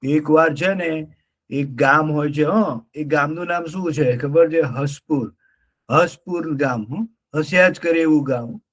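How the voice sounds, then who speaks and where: A man telling an animated story to children in an online class, often checking in with them. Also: on the high side, a little slow.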